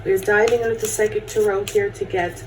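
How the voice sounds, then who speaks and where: Woman, casual tarot host, conversational and familiar with viewers, mid-pitched, recorded at a distance. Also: steady tone, moderate pace. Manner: chatty, addresses viewers as friends and guys. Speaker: tarot card reader hosting a horoscope show. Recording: distant mic with faint background noise.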